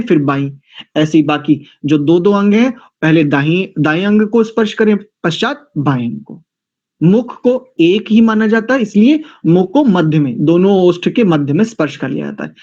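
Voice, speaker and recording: A man's voice: a little high, darkish tone. A man teaching a religious class, carefully correcting pronunciation and chanting Sanskrit mantras syllable by syllable. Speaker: scripture teacher. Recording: dull lo-fi recording.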